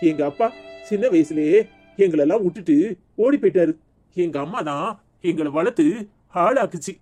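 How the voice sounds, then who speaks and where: A devoted young son-in-law from a Tamil cartoon serial, as a performer voices him, earnest and soothing, with a Tirunelveli accent. His tone is mellow and warm, at a middling pitch. Faint music plays behind him. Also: animated, moderate pace, close to an everyday voice.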